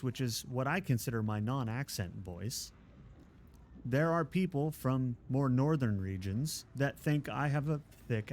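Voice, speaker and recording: A man from Texas chats casually on a live game stream, rambling, self-deprecating, and chuckling often. His voice is medium-pitched with a darkish tone, and there's a little hiss or hum.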